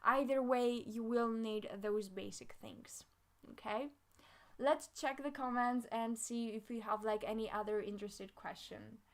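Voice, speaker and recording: Young woman from Greece, slightly high voice, chatty live-stream host answering coding questions with plenty of ums. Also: steady tone, a little slow. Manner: chatty, many fillers, reads comments aloud. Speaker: live Q&A host, front-end developer.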